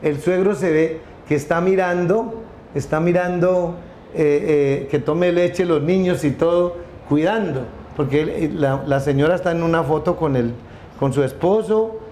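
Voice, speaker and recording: Indoors beside a wooden wolf statue, a company founder in middle age rambles through a long story as an interview guest, often stumbling, restarting and repeating words in this casual storytelling chat. His voice sits a little high with a darkish tone at a measured pace. The room adds a noticeable echo over faint background noise.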